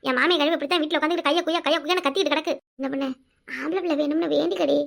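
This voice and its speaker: A woman voicing a bossy, devout village woman in a cartoon comedy, with a shrill scolding manner and a Kanyakumari Tamil accent. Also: steady tone, rapid-fire, creaky.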